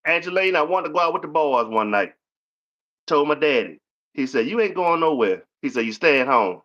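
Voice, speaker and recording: A man's voice: fairly high pitch, expressive, normal speed. A man hosting a casual chat, telling stories in with a folksy manner and acting out quotes. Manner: storytelling, folksy, acts out quotes. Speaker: host. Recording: dull lo-fi audio.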